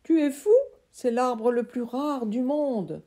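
An overexcited eccentric uncle who collects rare plants, exclaiming in a high, emphatic storybook voice, as a woman reads him aloud. His tone stays mellow and warm underneath. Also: slow pace. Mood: alarmed.

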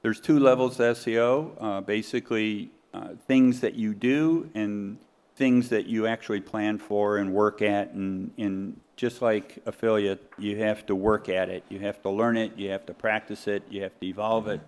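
Low-pitched man moderating a conference panel. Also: fairly even intonation, moderate pace, a little mellow, clear, resonant tone. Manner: plain, instructive, puts questions to the panel. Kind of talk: conference keynote panel talk. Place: conference hall stage, in front of an audience.

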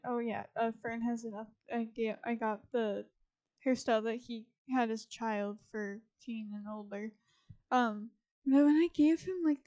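A woman's voice: on the high side, dark tone, muffled recording. A young woman chatting casually over a life-sim game, rambling and talking to her characters. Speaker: gaming YouTuber. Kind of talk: casual Sims gameplay commentary.

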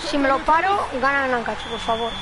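A woman with a Spain Spanish accent doing casual, energetic, excitable commentary as a live game streamer. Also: sits high, fairly quick, crowd noise, low-quality recording.

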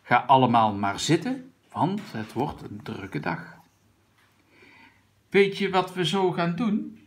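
A man reading a picture book aloud, voicing a friendly kindergarten teacher woman who briskly gives the class instructions. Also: on the high side, very animated, pitched above the performer's own voice. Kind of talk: storybook read aloud to a child.

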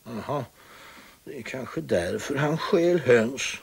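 Man as a mild old farmer, gravelly raspy voice, storybook. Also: mid-range voice, lively intonation, heavily acted. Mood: musing. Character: kindly old farmer, gentle and musing.

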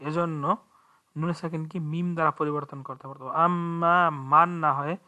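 Male recitation teacher, Bangladeshi Bengali accent, level flat delivery, slightly higher voice, spells out letters methodically. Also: highs cut off. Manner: spells each letter and vowel, then recites the verse slowly. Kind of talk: slow spelled-out recitation lesson.

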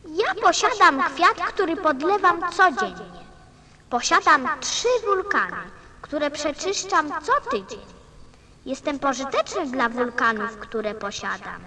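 A woman's voice: sits high, very animated, takes it slowly, bright, forceful tone, heavily acted. A woman playing an earnest, inquisitive little boy in a radio play, with a childlike manner. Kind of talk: Polish radio play acting.

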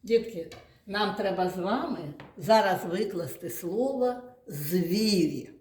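Very slow, echoey-voiced woman teacher. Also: mid-range voice, a little mellow. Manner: slow, stretching syllables and sounds apart; patient, praising often. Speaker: teacher of young children. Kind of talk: classroom lesson. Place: classroom. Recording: echoey classroom.

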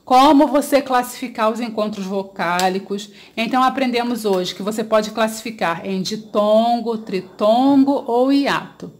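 A woman with a higher voice and a Brazilian Portuguese accent talks a little slowly, with few pauses, as she teaches children grammar. She elongates syllables, poses questions to her pupils, and praises their replies.

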